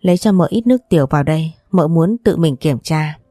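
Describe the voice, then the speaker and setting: A woman's voice: deep voice, animated, a little fast, no room sound, studio quality, soft background music. A woman voicing a kind young mistress of a wealthy house, soothing and coaxing as she speaks. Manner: gentle, soothing, persuasive.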